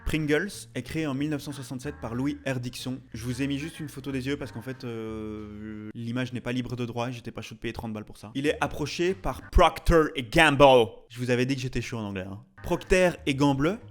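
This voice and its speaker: A man's voice: medium pitch, fast, hardly any pauses, faint music behind. Jokey male design vlogger. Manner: jokey, playful asides. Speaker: YouTube designer. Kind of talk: casual vlog narration.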